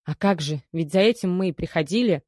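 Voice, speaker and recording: A woman's voice: lowish voice, brisk, darkish tone, no room sound, clean studio sound, natural voice. Woman reading as a chatty, credulous young woman. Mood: eager chatter. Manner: eager, chatty.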